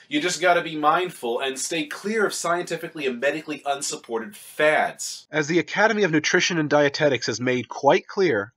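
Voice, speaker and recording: A young man with a fairly high, fairly bright, slightly rough voice reads scripted commentary on his vegan fitness vlog. He drops in emphatic, blunt asides, filmed on a webcam in his home kitchen.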